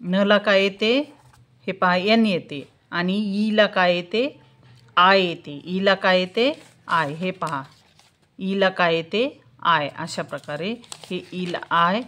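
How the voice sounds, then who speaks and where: A woman's voice: lowish voice, takes it slowly, fairly bright tone. A woman tutor teaching a spelling lesson, patiently repeating each question and answering it herself, sounding out letters syllable by syllable.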